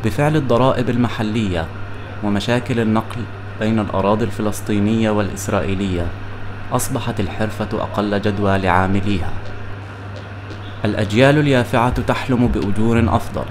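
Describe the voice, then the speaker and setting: A man reading a scripted documentary narration in formal standard Arabic, measured and even. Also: on the low side, background noise.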